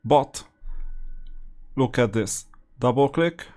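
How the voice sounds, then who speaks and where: This gaming strategy channel host has a medium-pitched, slightly mellow voice and speaks slowly. He narrates a video game with casual, matter-of-fact commentary, explaining his strategy as he plays.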